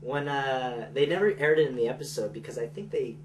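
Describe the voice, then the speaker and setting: A young man, an actor, chatting casually in an interview, halting and repeating words in a laid-back way. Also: mid-range voice. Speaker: actor on a teen drama. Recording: distant mic with clear background hum.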